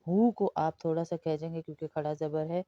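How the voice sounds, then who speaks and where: A woman teaching Quran recitation word by word, drawing out each word slowly and then explaining quickly. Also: deep voice, steady tone, dark tone, no room sound, lo-fi sound. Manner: slow drawn-out recitation alternating with rapid explanations.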